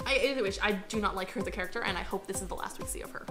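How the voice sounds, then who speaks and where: A woman's voice: mid-range voice, very fast. Emphatic woman from Philadelphia, music behind. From Philadelphia, United States. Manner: emphatic, hesitant fillers. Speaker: podcast co-host. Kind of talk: casual review chat.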